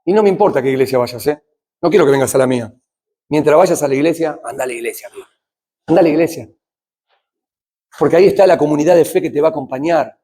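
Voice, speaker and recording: A middle-aged man with a Rioplatense Spanish accent giving a church talk on addiction, speaking conversationally, asking his listeners questions and swinging between loud and hushed. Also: fairly high pitch, fast talker, long pauses, slightly rough. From Argentina.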